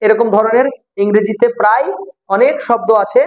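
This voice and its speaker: A woman teaching English reading, explaining slowly, repeating words and spelling them out letter by letter, with some English phrases mixed in. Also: fairly high pitch, fairly even intonation, a little mellow, slight background noise, low-quality recording. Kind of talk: explanatory online lesson.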